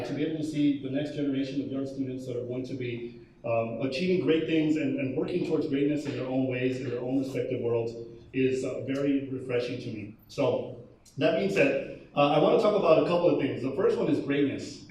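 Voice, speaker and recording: A man's voice: medium pitch, brisk, darkish tone. A man from El Paso giving a keynote speech at a school ceremony, with many fillers and restarts. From El Paso, Texas. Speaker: keynote speaker. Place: large echoey hall. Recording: echoey hall from far off, faint noise.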